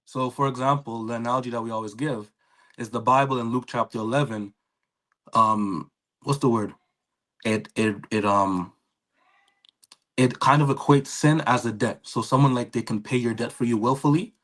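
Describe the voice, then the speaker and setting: A man in a heated call-in debate, halting and repeating himself as his call audio cuts in and out. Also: mid-range voice, steady tone, a bit bright. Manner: halting, repeats himself, stumbles over words. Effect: call audio cutting in and out. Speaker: debate caller. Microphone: online call connection.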